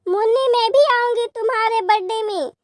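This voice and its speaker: A woman's voice: very high-pitched, moderate pace, no room sound, studio quality, voice pushed up. A woman voicing a sad, stubborn young schoolgirl in a cartoon story. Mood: upset.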